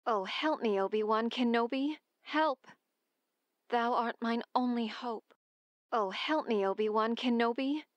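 A woman acts a young princess in distress. Her fairly high voice implores for aid in the heightened style of a Shakespearean drama. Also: a little slow, natural voice. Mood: pleading. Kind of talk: amateur Shakespearean dramatic reading.

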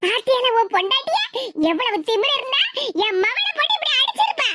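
A voice actor playing a fierce, doting mother who scolds her son, speaking with a Tirunelveli Tamil accent in an animated comedy. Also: very high-pitched, fairly quick. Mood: scolding. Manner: scolding, fussing. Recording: loud background noise.

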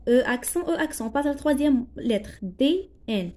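A woman teacher with a Moroccan accent, slowly explaining a primary school lesson, spelling out letters and translating words as she goes. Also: sits high, lively intonation, darkish tone.

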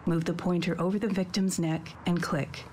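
A woman's voice: on the low side, level tone, moderate pace, a little mellow, slight background noise. A woman giving scripted tutorial instructions for a video game in a composed, instructional manner. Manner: clear-worded, instructional, composed. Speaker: tutorial narrator.

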